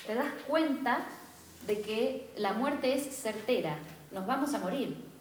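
A woman's voice: on the high side, expressive, takes it slowly, a little hiss or hum. A woman with a Rioplatense Spanish accent giving a spiritual class lecture, engaging and often checking in with her students. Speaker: spiritual teacher. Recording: echoey room.

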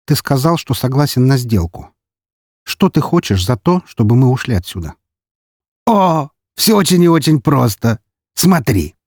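A man's voice: medium pitch, moderate pace, no echo, studio quality, voice pushed up. A man voicing a scarred, cunning count with a mocking, gleeful manner. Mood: sly. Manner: mocking, gleeful, raised lively delivery.

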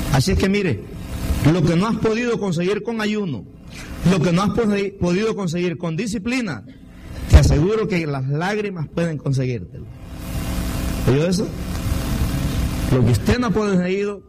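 A middle-aged man preaching a sermon as a pastor, fervent and rising to high emphatic peaks. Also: background noise.

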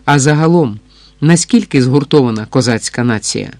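A man voicing a courteous, curious foreign count in an audiobook, asking questions in a flattering tone. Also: mid-range voice, moderate pace, dry recording, natural voice. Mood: inquisitive. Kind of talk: audiobook dialogue reading.

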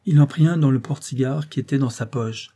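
A man narrating a classic novel as an audiobook in a measured, even reading. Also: medium pitch. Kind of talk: scripted narration.

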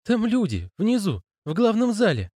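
A male reader voicing a timid young clerk who speaks in a halting, unsure way. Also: sits high, wildly swooping pitch, mellow, no room sound, clean studio sound, voice pushed up, heavily acted. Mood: nervous. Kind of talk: audiobook character reading.

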